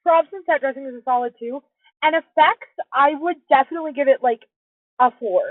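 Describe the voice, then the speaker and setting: A woman co-hosts a podcast, chatting casually and sharing her opinions freely in a high, brisk voice. The makeshift lo-fi recording sounds dull, with noise in the background.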